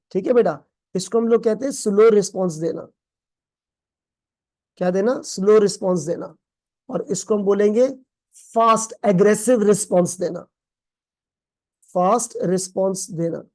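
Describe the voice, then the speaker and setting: A man teaches in a recorded exam-prep lecture. His voice is warm and mellow, and he mixes English terms into playful everyday examples. He keeps asking his students questions and repeating the answers back. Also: sits high, moderate pace, long pauses. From Pakistan. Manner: calls students "beta", quizzes them with call-and-response questions. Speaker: accounting tutor.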